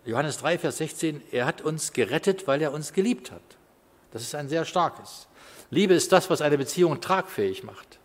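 A man in his fifties preaching a sermon in a conversational way, with quiet asides and loud bursts of emphasis. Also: fairly high pitch, animated, normal speed. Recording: hall with long reverb.

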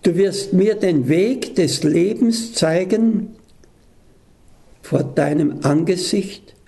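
A male preacher reads scripture verses aloud and explains them between readings. His voice is dark and mellow with a gravelly edge, a little higher than most men's. He takes the text slowly and deliberately. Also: a little hiss or hum.

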